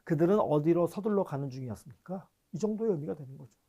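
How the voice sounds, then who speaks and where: A man's voice: a little high, lively intonation, dark tone. A man giving an online grammar lecture, explaining step by step and often checking that students understand. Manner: reads foreign words slowly and deliberately. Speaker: language teacher.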